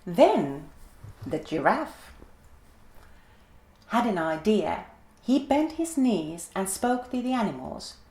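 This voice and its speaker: A woman gently and expressively reading a children's story aloud in an echoey room. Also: mid-range voice, sing-song, unhurried.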